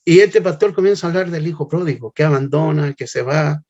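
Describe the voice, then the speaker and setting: An older man giving a heartfelt, halting personal testimony. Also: a little high, a little mellow. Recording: slightly muffled lo-fi recording.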